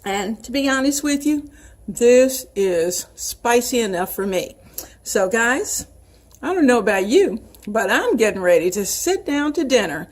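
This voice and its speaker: Slow-talking Southern US woman. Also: fairly high pitch, very animated. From Southern United States. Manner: folksy, chatty, talking to viewers. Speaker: home cooking show host. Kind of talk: casual cooking demonstration.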